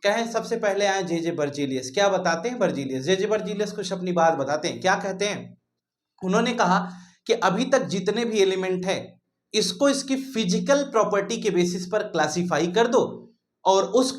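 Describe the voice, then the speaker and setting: A man with a high, animated voice teaches a chemistry class at a moderate pace. He calls his students "beta," asks questions only to answer them himself, and repeats his key points throughout the lecture.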